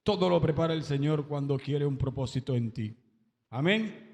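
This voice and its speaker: A man's voice: fairly high pitch, moderate pace, darkish tone, in a large hall. A man giving an emotional religious testimony at a church service, breaking into exclamations of praise.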